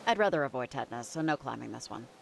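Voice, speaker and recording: A woman's voice: rumbling low, lively intonation, very fast, gravelly, slight background noise, exaggerated voice. An actress playing a wry young woman in a game, dry and sarcastic.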